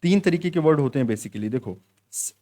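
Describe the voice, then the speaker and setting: A man teaching an exam-prep lesson to students, explaining in Hindi and reading English quiz lines slowly, with frequent repeated check-ins. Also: a little high, lively intonation, dark tone. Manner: repeats "ठीक है" often.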